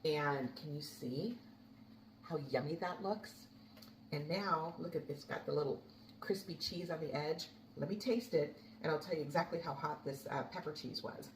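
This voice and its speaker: A low-pitched woman talks her way through a recipe in a home kitchen, chatty and homey. The room is echoey, with a faint hum of ambience behind her. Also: moderate pace, recorded from a distance. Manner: chatty, homey, talks while cooking and tasting. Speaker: home cooking host. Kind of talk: casual cooking demonstration.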